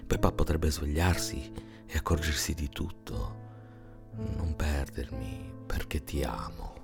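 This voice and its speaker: A man reading aloud the lines of a young village woman who pleads with her lover in tears, softly and half-whispered. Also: rumbling low, takes it slowly, vocal fry, over loud music, full character voice. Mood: pleading.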